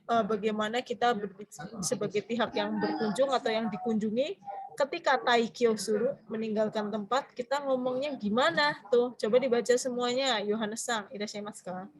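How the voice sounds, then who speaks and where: A woman's voice: on the high side, normal speed. A woman with an Indonesian accent teaching a business Japanese class, explaining in Indonesian and quizzing her students.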